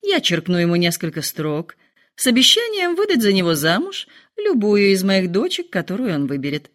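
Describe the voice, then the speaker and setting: A woman voicing a calm, dryly ironic middle-aged husband in a storybook reading. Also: mid-range voice, moderate pace. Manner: dry, calm, mildly ironic.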